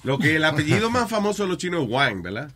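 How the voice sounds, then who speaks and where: A man's voice: fairly high pitch, quick pace, a crowd in the background. A man hosting a radio show, joking around with co-hosts and putting on mock newscaster lines. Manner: animated, mock newscaster bits, laughs a lot.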